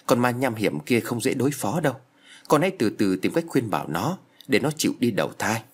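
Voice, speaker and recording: A man voicing a stern elderly male exorcist who commands and scolds a ghost in a husky voice. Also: medium pitch, very animated, brisk. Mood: grave.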